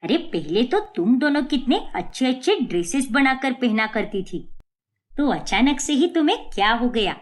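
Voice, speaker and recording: Voiced by a woman, a proud mother-in-law in a cartoon story tears into her daughters-in-law. Her voice is fairly high and swings widely as she scolds. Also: animated, moderate pace, lightly acted. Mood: scolding. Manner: scolding, angry.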